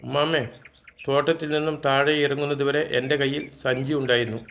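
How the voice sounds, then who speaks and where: A man's voice: mid-range voice, fairly even intonation, a little fast, a bit bright, muffled recording, close to an everyday voice. A man voicing a small frightened boy who pleads tearfully with his grandmother.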